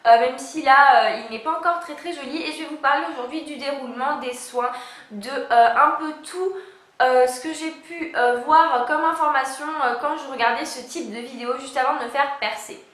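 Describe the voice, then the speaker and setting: High-pitched young woman with a tongue piercing. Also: moderate pace, fairly bright tone. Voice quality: slightly impeded articulation from a fresh tongue piercing. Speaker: vlogger. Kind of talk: casual chat to camera. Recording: roomy, echoing home-video sound.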